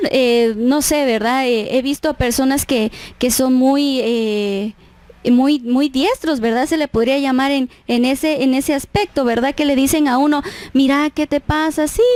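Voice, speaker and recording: A woman's voice: high-pitched, a little mellow, dry recording. A woman giving an earnest devotional talk at church, often checking in with her listeners. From Guatemala. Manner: earnest, tags phrases with "¿verdad?". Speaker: church speaker.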